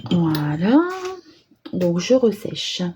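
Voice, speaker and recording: A woman's voice: lowish voice, lively intonation, extremely slow, mellow, a little hiss or hum. A woman chatting casually as she works on an art journal page, thinking aloud with hesitations and small self-mocking remarks. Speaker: craft vlogger. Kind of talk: casual crafting commentary.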